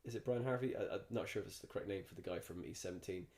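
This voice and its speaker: A man's voice: low-pitched, racing, darkish tone. A man from the countryside, a comedian guest, telling stories in a loose, rambling way with lots of restarts. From Ireland. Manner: rambling, storytelling with many restarts. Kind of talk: casual podcast chat.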